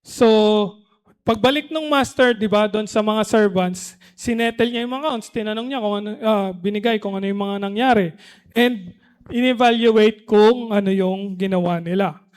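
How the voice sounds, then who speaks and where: A man's voice: sits high, normal speed, clear, resonant tone. A male pastor preaching in a conversational way, often checking in with the congregation and switching between languages. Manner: conversational preaching, frequent "di ba?" tag questions; switches between Tagalog and English mid-sentence. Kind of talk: sermon.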